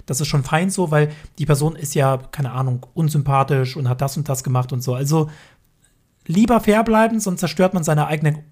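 Man, thirties, slightly high voice, casual podcast chat, opinionated. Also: a little fast, a little mellow. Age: 30s. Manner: chatty, opinionated, laughs between points. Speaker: podcast co-host. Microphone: remote call from home.

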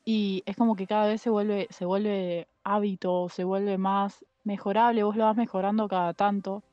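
A woman's voice: mid-range voice, little pitch movement, moderate pace, warm tone, no room sound. A young woman co-hosting a casual podcast chat, talking hesitantly with many fillers and restarts. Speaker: podcast co-host. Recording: dull muffled sound with faint music.

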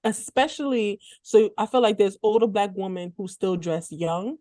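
A woman's voice: medium pitch, normal speed, warm tone, no room sound. A woman co-hosting a podcast, chatting casually with many "like" fillers and laughing as she tells stories. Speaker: podcast co-host. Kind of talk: casual chat.

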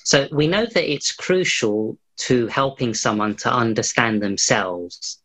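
Over poor audio, a man hosts an interview in a mid-range, fairly bright, slightly rough voice at a measured pace. His questions are long and winding, rambling with many fillers and restarts.

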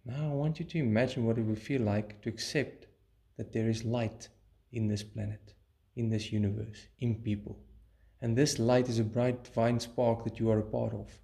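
With a mid-range voice, a man leads a guided meditation, keeping a steady, measured pace. His tone is calm and soothing, and short phrases are separated by pauses.

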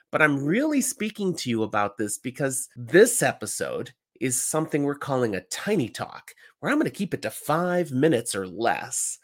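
A middle-aged man hosting an informal, enthusiastic solo book podcast, his voice slightly congested and stuffy from a cold. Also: medium pitch. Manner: informal, emphatic, animated. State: getting over a cold. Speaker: podcast host.

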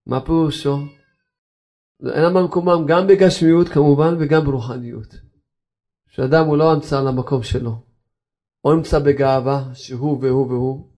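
A man, a rabbi, giving an animated sermon full of rhetorical questions and frequent laughter. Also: fairly high pitch.

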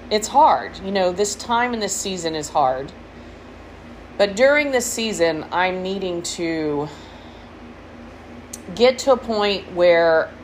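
Low-voiced middle-aged woman, noisy room. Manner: candid, rambling. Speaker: podcast host. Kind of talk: casual personal monologue. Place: room with window units and fans running. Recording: noisy, window units and fans humming.

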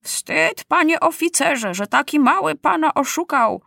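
Brief: woman playing a stern old general judge, raised pitch, storybook, dry. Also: animated, a little slow, creaky, bright, forceful tone, no echo, heavily acted. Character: old grey-haired male judge general.

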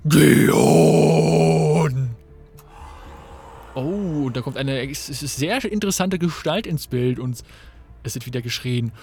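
A man's voice: medium pitch, animated, moderate pace. A man reading a game story aloud, reacting with curious comments.

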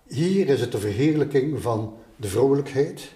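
An older man with a Flemish accent, an art collector, animatedly explains and tells stories as an interviewee, using repeated little tags. His mid-range voice has a dark tone and normal speed; music, roomy echo and slight background noise fill the recording.

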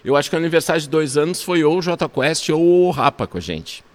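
A man, a musician guest telling road stories in a relaxed, laughing way. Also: fairly high pitch, fast. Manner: relaxed storytelling, laughs often, frequent "né?". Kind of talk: casual interview chat.

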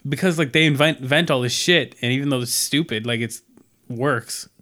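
A man's voice: mid-range voice, fairly quick, bright, forceful tone. A man co-hosting a podcast, casually recapping a cartoon episode with rambling restarts and fillers. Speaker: podcast co-host.

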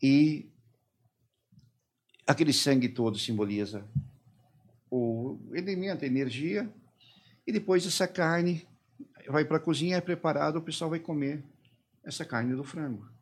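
A man giving an emotional personal testimony as an interviewee. He talks haltingly, restarting and trailing off mid-phrase. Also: fairly high pitch, husky.

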